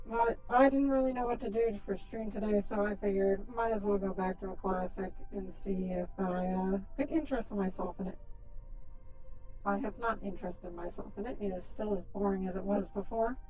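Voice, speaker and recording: A man's voice: sits high, steady tone, moderate pace, darkish tone, soft background music, pitched above the performer's own voice, low-quality recording. A man streaming a video game through a voice changer that makes him sound like a woman, chatting casually in a dry, self-deprecating way. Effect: voice changer making him sound like a woman. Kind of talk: casual live-stream chat.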